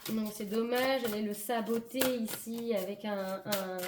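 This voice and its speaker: An echoey, noisy room carries a woman's fairly high voice as she improvises a card reading. She is hoarse, her voice giving out, and she talks casually, feeling her way through each thought with reassurance. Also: steady tone, moderate pace. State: hoarse voice giving out, clearing throat. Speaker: tarot and oracle card reader. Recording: echoey room with clear background noise.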